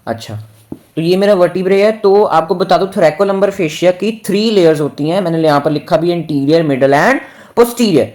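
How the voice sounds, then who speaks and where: A man's voice: high-pitched, measured pace, darkish tone. A man from India teaching anatomy in a lecture that mixes Hindi and English, often asking the class questions and drawing out key terms.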